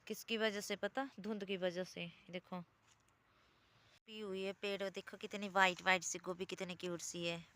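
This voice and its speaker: With poor audio, a woman's mid-range, sharp-toned voice guides viewers around her garden in the fog and then through her home. The family vlogger keeps things chatty and casual, peppering her talk with "look" and "guys."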